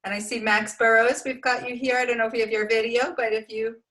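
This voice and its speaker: A woman's voice: on the high side, little pitch movement, fast talker, pushed and bright. A woman hosting a parents' video call, giving brief, upbeat acknowledgements as she calls on each person. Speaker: meeting host.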